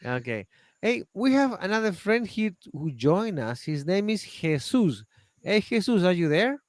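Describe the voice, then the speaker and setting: A man with a Chilean accent teaching English on a video call, animated and encouraging, speaking slowly and clearly for learners. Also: sits high, dry recording, studio quality. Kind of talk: online English class.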